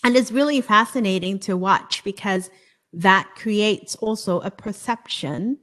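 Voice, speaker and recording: A woman's voice: mid-range voice, a little slow, a bit bright. A middle-aged woman from Hong Kong, hosting an interview and sharing her own view in an engaged, reflective way. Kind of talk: conversational interview.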